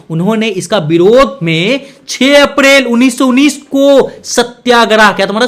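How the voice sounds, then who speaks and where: A young man runs through exam revision questions in a high, light voice. He teaches in a loose, joking way, asking his students quick questions and calling them beta and bhaiya. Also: a bit bright. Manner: colloquial, jokey, addresses students as beta and bhaiya.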